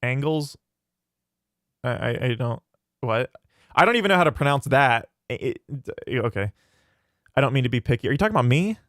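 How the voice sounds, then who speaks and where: A man's voice: medium pitch, very animated, brisk, fairly bright tone, no echo, clean studio sound. A man hosting his own livestream, thinking aloud as he answers questions from the live chat. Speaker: channel host reading live chat. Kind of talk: casual livestream talk.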